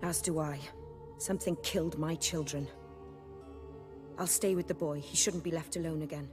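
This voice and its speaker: A woman's voice: low voice, fairly even intonation, normal speed, music in the background, lightly acted. A woman voicing a cold, commanding aristocratic female vampire in a video game, speaking in a composed, formal way.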